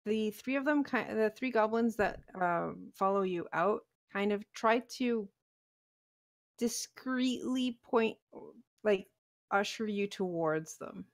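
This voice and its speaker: Female game master, medium pitch, halting conversational narration for a tabletop session. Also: no echo, clean studio sound.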